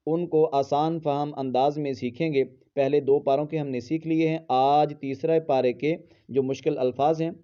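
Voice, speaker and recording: Dark-voiced man teaching tajweed. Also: fairly high pitch, highs cut off. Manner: patient step-by-step spelling of letters, drawn-out melodic recitation. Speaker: Quran recitation teacher. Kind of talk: tajweed lesson with slow chanted recitation.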